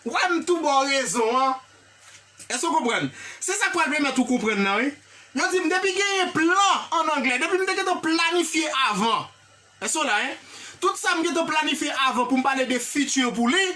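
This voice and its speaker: An English teacher with a Haitian accent giving a live online lesson, animated and repetitive, often checking in with the class and praising viewers by name. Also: high voice, normal speed, distant mic. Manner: animated, repetitive, checks in with "hein?" and "vous comprenez?".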